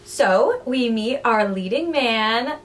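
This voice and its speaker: A young woman co-hosting a casual podcast, retelling a book plot in an animated, chatty way. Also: fairly high pitch, slow, a little hiss or hum. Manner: chatty, animated storyteller who acts out quotes. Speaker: podcast co-host.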